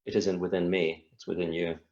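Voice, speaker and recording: Deep low-pitched man from tanzania, calm and meandering guest on a video call, sound kinda dull and muffled. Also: brisk. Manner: reflective, earnest, meandering. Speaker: guest, spiritual speaker. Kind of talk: casual interview conversation.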